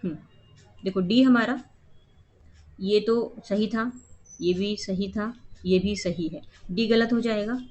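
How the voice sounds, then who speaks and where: A woman's voice: mid-range voice, slow pace, pauses often, darkish tone. A female teacher explaining a reading comprehension passage step by step, mixing Hindi and English. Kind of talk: exam-prep lesson.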